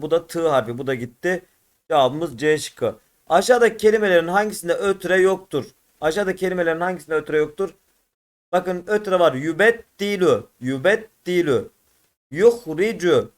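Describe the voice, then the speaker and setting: Man, Turkish accent, teacher solving exam questions, drawn-out syllables, slightly high voice. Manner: addresses viewers as friends, repeats syllables slowly and drawn out. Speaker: religious studies teacher. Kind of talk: exam-prep lesson, solving test questions.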